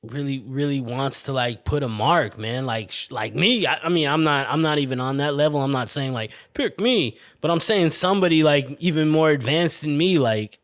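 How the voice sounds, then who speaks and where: A man talks into a close podcast mic in a dry, deadened room, his pitch sitting right in the middle of the usual male range. He rambles and swears, stacking fillers and false starts as he rants to his listeners. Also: fairly quick, few pauses, a bit bright, no echo. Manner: rambling, profane, lots of fillers and restarts. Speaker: podcast host. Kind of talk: casual solo podcast rant. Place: indoor room with a window.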